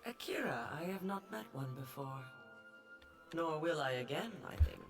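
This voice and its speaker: A woman's voice: sits low, animated, normal speed, over music. A woman voicing the ghost of a proud dead navigator, speaking in a stately, formal, aggrieved way. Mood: defiant.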